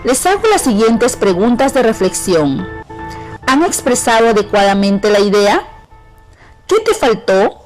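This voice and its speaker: Measured Peruvian teacher, lively pitch. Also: female voice, soft background music, rough recording. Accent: Peruvian Spanish. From Peru. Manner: clear, measured instruction to students. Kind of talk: scripted educational radio lesson.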